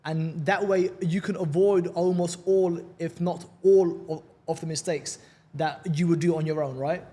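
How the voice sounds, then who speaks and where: With a warm, fairly high voice, even intonation, and a normal pace, this Englishman from London chats brightly as a podcast interview guest. He has a London accent and frequently repeats words at the start of sentences.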